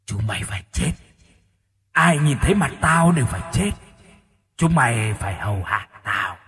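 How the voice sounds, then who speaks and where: A man voicing a vengeful, shrivelled undead noblewoman in a spoken horror story, with a raspy, echoing voice and menacing threats. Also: medium pitch, very animated, moderate pace, a bit bright, full character voice.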